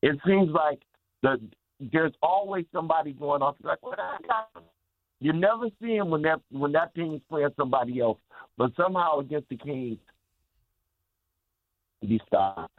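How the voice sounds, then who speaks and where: A man's voice: on the high side, lively intonation, normal speed, long pauses, no echo. A man calling in to a sports radio show over the phone, complaining in a frustrated rant. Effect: heard over a phone line. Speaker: radio call-in caller. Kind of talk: casual sports call-in chat. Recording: tinny dry phone line.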